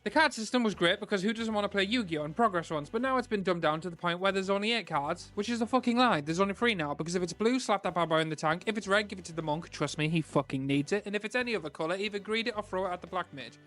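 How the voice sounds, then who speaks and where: Guy, high quick voice, sarcastic and crude, soft music behind. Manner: crude, sarcastic, rapid-fire jokes. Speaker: gaming video host. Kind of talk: scripted comedic voice-over.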